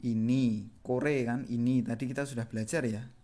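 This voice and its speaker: A man's voice: medium pitch, steady tone, normal speed, warm tone. A man with an Indonesian accent teaching Japanese grammar in a patient, repetitive way, often ending points with a tag question. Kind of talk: grammar lesson explanation.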